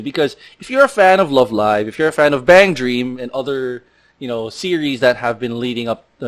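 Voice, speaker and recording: A man hosting a casual podcast chat, rambling along with plenty of fillers and false starts. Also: mid-range voice. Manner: rambling, loose delivery with many fillers and restarts. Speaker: podcast host.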